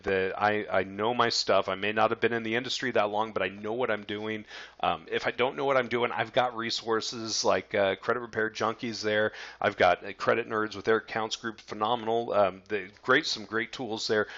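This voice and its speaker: A man's voice: lowish voice, bright, forceful tone, dull audio. A man teaching a casual marketing lesson, talking to his viewers in a loose, conversational way with many fillers and restarts. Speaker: business coach.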